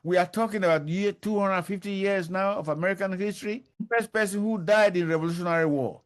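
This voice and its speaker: An older male professor, appearing as an interview guest, answers questions in a high-pitched voice. He talks fast but keeps a steady tone, driving his points home emphatically and repeating the key ones.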